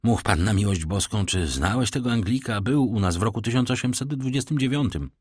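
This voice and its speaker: A man's voice: fairly low pitch, animated, a little fast, breathy edge, dry recording, clean studio sound. A man voicing an agitated young man who speaks in an urgent, imploring way in a read-aloud novel.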